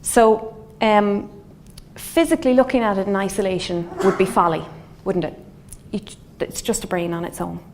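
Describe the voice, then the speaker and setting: A middle-aged woman from Galway with a west of Ireland accent, a scientist giving an explanatory lecture in a thoughtful, halting, semi-conversational way. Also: mid-range voice. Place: indoor wood-panelled lecture room. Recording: faint steady room noise.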